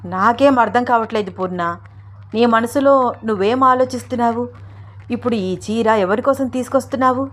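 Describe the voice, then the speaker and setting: A woman's voice: a little high, a little fast, close to an everyday voice. An older husband who presses his wife with urgent questions, as voiced by a woman narrator. His voice is raised and agitated. This is a storybook reading.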